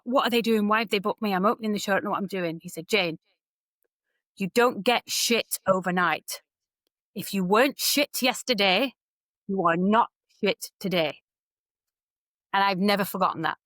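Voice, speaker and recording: A woman in her forties from the UK, working as an entertainer and talent mentor, speaks in a mid-range voice with no echo. Appearing as an interview guest, she's frank and animated and performs the voices of people she quotes.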